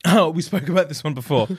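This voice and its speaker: A man with a London accent bantering casually as a podcast co-host in roadman street slang, animated and sweary. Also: fairly high pitch, moderate pace, breathy edge.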